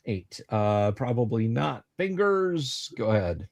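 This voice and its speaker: Male game master, improvising tabletop narration, unhurried but very animated. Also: mid-range voice, gravelly, no room sound. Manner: playful, theatrical, improvised.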